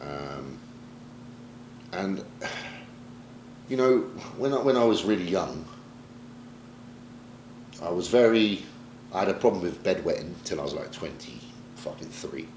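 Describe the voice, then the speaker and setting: Deep-voiced British bodybuilder, frank and emotional, in an echoey room. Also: male voice, animated, slow pace, pauses often, darkish tone, a little hiss or hum. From Britain. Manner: emotional, reflective, swears casually. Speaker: pro bodybuilder guest. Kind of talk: candid sit-down interview. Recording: roomy echo, faint ambience.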